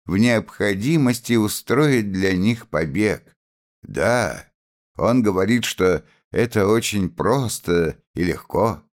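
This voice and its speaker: A stern, earnest young woman, put on by a man reading a novel aloud, speaking firmly and quickly taking offense. Her lines sit well above the reader's usual low voice. This is a storybook reading. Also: animated. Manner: earnest, firm, at times hurt.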